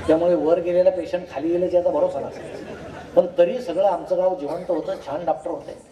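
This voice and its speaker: A man's voice: sits high, fairly even intonation, brisk, muffled recording, background noise. A man with a Marathi accent giving a humorous public lecture, telling jokes and acting out the dialogue in his stories. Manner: joking storyteller, acts out dialogue. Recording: echoey hall, distant mic, crowd.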